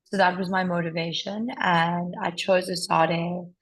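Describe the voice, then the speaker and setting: A South African woman speaking casually as a student panelist, her voice hoarse and partly lost. It sits low, crackles with gravel and stays fairly even in pitch. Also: a little slow. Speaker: master's student. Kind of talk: casual testimonial on a panel chat.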